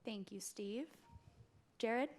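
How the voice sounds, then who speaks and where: A woman's voice: fairly high pitch, slow. A woman speaking as a staff liaison, running a public meeting in a semi-formal way.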